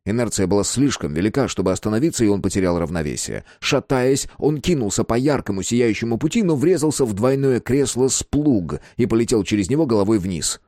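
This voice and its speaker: A man narrating an audiobook in a lively, expressive reading. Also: lowish voice, a little fast, few pauses, dry recording, clean studio sound. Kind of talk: scripted narration.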